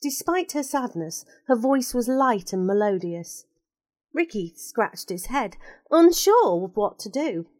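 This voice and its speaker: Expressive woman reading a storybook. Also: a little high, a little slow, no room sound. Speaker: narrator.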